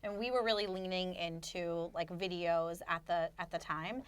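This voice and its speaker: A woman guest on a chat podcast, telling a story with a sweet, nice voice and an animated manner. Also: on the low side, normal speed, clean tone. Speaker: podcast guest, food editor.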